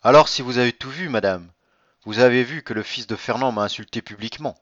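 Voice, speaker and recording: A man's voice: mid-range voice, a little fast, a bit bright, dry recording, natural voice. A man reading an audiobook, voicing a bitter, vengeful nobleman who speaks with cold irony. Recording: dull lo-fi dry recording.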